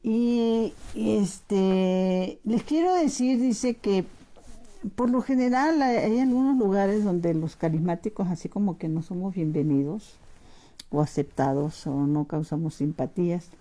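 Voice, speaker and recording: A middle-aged woman telling a faith testimony to her listeners, addressing them as brothers and shifting between lively rising emphasis and hushed, near-whispered passages. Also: mid-range voice, measured pace. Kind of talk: testimony sermon.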